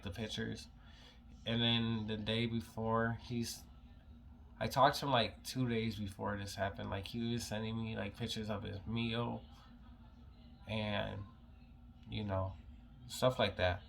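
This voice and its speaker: A young man telling a personal story in a casual vlog, halting and emotional, full of "like" fillers, holding back tears. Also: on the low side, little pitch movement, gravelly, a bit bright, slight background noise.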